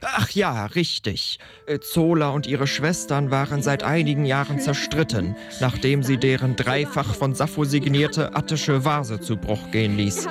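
A man playing a pedantic narrator in a comic audio drama, digressive and halting as he explains. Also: mid-range voice, natural voice. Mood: wry, rambling. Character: pedantic, rambling male narrator recalling family gossip. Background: instrumental music.

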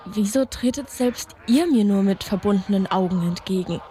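A woman playing a wounded, sardonic Gorgon in a comic audio drama, pointed and deliberate in manner. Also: medium pitch, dark tone, lightly acted. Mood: accusing, sardonic. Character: bitter, wounded, sardonic female Gorgon monster. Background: faint music.

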